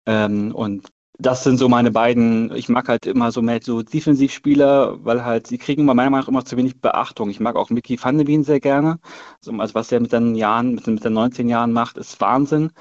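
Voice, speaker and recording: A man's voice: mid-range voice, fairly even intonation, brisk, darkish tone. A man chatting casually as a podcast guest, hesitant and thinking aloud. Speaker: football fan as podcast guest. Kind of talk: casual chat. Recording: slightly dull, lo-fi sound.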